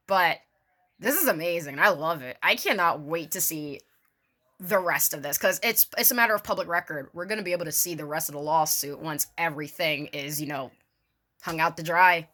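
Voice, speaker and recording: An online video creator gives a theatrical, mock-formal dramatic reading, breaking in with casual, sarcastic, sweary asides. Her voice is low and sharp in tone, at a moderate pace.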